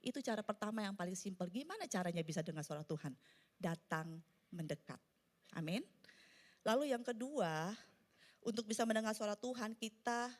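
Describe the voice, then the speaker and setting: A woman preaching to a church congregation, talking conversationally and often turning to the listeners directly, slowing down on her key points. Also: mid-range voice. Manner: conversational, addresses congregation as "saudara"; emphatic, slows down on key points. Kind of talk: sermon. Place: church service.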